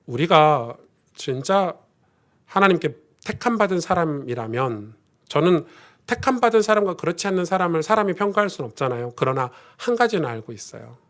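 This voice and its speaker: A middle-aged man preaching a Sunday sermon as pastor, telling stories and rising into fervent prayer. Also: a bit bright. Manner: storytelling, swells to fervent high-pitched prayer. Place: church sanctuary.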